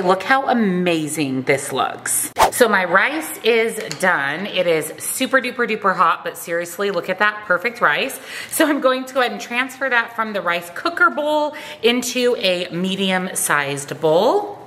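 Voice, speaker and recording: Bright-voiced woman in her home kitchen. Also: medium pitch, expressive, measured pace, a little hiss or hum. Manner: upbeat, chatty. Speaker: food vlogger. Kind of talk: cooking walkthrough.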